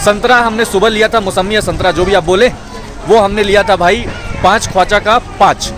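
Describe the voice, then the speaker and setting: A young Indian man with a high, steady voice talks a little quickly, chatting casually to his viewers and calling them brother. He's a travel vlogger filming outdoors at a busy railway station with a camera held at arm's length, with crowd noise and music in the background.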